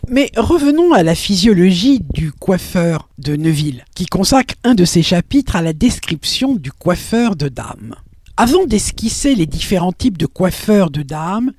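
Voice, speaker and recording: A man presenting a radio program, reading prepared texts aloud with lively, theatrical emphasis on the quotations. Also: high voice, no echo, clean studio sound. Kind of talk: scripted radio narration.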